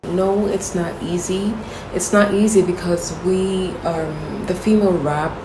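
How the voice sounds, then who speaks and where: A young woman from Nigeria, a rapper, answering interview questions in a steady, reflective way that becomes emphatic on strong opinions. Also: on the low side, unhurried, background noise. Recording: roomy echo with faint background ambience.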